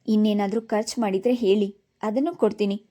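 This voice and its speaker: Woman reading as a proud, dismissive rich woman from a storybook, curt, with a deep mellow tone. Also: fairly even intonation, a little fast, natural voice. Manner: brusque, dismissive. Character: vain wealthy older woman, curt and proud.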